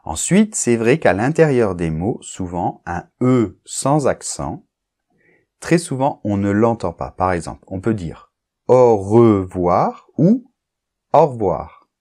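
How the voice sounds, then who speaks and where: A man's voice: on the low side, sing-song, unhurried, warm tone. A man teaching pronunciation in a recorded lesson, explaining patiently and modeling example phrases with exaggerated rises and falls, often checking in with the listener. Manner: checks understanding with frequent "d'accord?". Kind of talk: recorded lesson addressing the learner.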